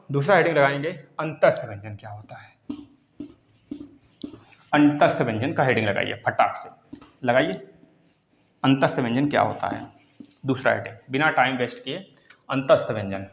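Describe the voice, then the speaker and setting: A man's voice: medium pitch, animated, moderate pace, creaky, pauses often. Man teaching in an echoey room. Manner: instructive, repeats key terms, addresses students as friends. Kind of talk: online exam-prep lesson.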